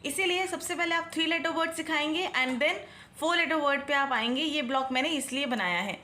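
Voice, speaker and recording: A young woman teaches phonics to small children, stretching each letter sound slowly and clearly. Her voice is high and bright. The recording has a roomy echo.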